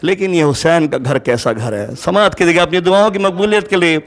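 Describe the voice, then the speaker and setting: A man reciting devotional poetry in a long, drawn-out chant at a live mourning gathering, repeating refrains between spoken announcements. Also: fairly high pitch. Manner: stretches sung verses long, repeating refrains.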